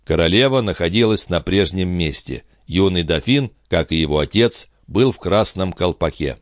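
Male audiobook narrator, low, lively intonation, dry close read. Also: moderate pace, no echo. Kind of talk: scripted narration.

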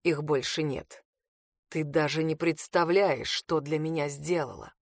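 A woman reading an audiobook voices a wounded male lover who speaks in a weary, tender hush. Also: on the high side, a little slow, creaky, no echo, clean studio sound, voice pushed down.

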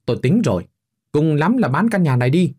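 A man's voice: on the high side, sing-song, a little fast, mellow, slightly rough, voice pushed up. A man playing a scornful, hot-tempered son. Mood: angry. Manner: snapping, contemptuous. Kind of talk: storybook narration with voiced characters.

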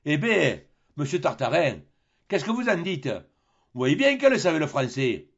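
A man voicing a jovial, mocking male sea captain who talks in a loud, teasing, worldly way. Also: on the high side, sing-song, a little slow, slightly rough, muffled recording, pitched above the performer's own voice, exaggerated voice.

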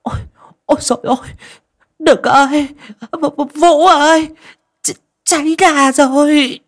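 A man's voice: high voice, expressive, unhurried, gravelly, slightly rough, voice pushed up, heavily acted. A man voicing a frightened, pious old grandmother who prays in a murmur and cries out in panic, in a spoken folk tale. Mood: panicked. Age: over 70. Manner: quavering prayer and panicked cries.

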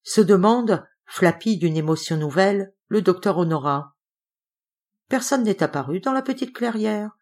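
A woman narrating a classic novel as an audiobook reader, with lively expressive storytelling. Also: medium pitch, moderate pace.

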